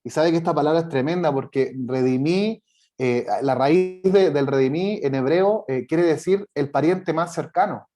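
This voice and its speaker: A man preaching a sermon at a church service, reading scripture slowly and with emphasis, often repeating himself and checking in with the congregation. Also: a little high, warm tone, soft background music. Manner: repeats phrases and keeps asking "right?" of the congregation.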